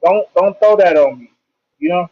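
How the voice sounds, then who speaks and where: A man on a live call speaks through a headphone mic, so his voice comes out muffled and bass-heavy, as if under water. He sits a bit high for a man and talks in loose, slangy everyday speech, pressing his point. The sound is dull and lo-fi, with the top end gone. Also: normal speed. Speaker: caller in a live audio chat. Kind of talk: casual argumentative chat.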